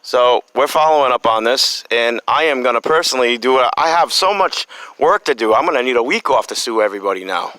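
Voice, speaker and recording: A man filming police alongside another auditor, blunt and argumentative, quick to threaten lawsuits. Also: mid-range voice, expressive, sharp tone, no echo, rough recording. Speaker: fellow auditor. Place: outdoors at a police station.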